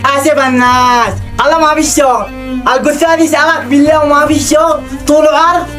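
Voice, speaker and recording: A high, fast-talking Yemeni shopkeeper played by a man nags and scolds a debtor without letting up. The part is performed for a web drama, and loud music runs beneath the dialogue. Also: fairly even intonation. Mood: scolding. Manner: scolding, insistent. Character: stern older male shopkeeper demanding his debts. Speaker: grocery shopkeeper.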